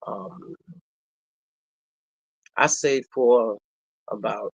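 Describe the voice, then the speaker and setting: A man, telling a personal story in a reflective, halting way, with many pauses and fillers. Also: medium pitch, gravelly, no echo, lo-fi sound. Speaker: vlogger.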